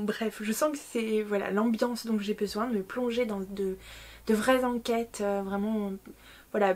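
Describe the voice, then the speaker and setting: A woman's voice: fairly high pitch, a little mellow. A young woman with a French accent chatting casually to camera about books she bought, full of fillers, restarts and self-mocking asides. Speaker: book vlogger.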